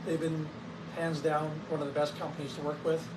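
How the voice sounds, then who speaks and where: A fairly quick, slightly high-pitched voice, rough from a cold, belongs to a wellness clinic owner casually teaching viewers about his equipment on camera. Frequent fillers and coughs between sentences interrupt him. The recording is distant, with obvious steady noise behind.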